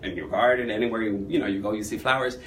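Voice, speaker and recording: A man's voice: on the low side, quick pace, a little hiss or hum. A man working as a makeup artist, chatting through an on-camera makeup demonstration and often asking questions. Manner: animated, chatty, asks the viewer questions.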